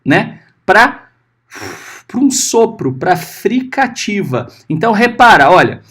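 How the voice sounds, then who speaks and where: A man teaching a Hebrew class. He is patient, checks often that his students are following, and sounds out letters and syllables slowly. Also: high voice, sing-song, a bit bright, husky. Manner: patient, often checking understanding with short tags. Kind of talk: recorded class lesson.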